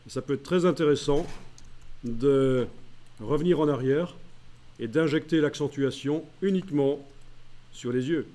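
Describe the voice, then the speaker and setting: Mellow-voiced man teaching software. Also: on the high side. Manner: walks through menu steps aloud, many "euh" pauses. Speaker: software trainer. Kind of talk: screen-recorded tutorial.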